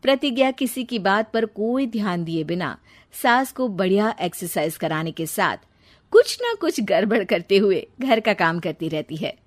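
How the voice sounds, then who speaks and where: A woman's voice: mid-range voice, expressive, normal speed. A woman narrating a scripted family story in a storybook style. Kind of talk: scripted storybook narration in Hindi cartoon tale.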